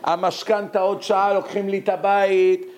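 A man's voice: high-pitched, level tone, voice pushed up, natural voice. A preacher voicing an impassioned pleading man. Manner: impassioned, shouting. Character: fervent man, pleading and crying out.

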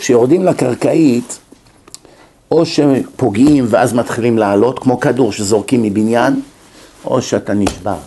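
A rabbi giving a religious lecture, telling anecdotes and asking rhetorical questions. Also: male voice, a little high, vocal fry, darkish tone, husky. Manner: storytelling, acts out quoted people, rhetorical questions.

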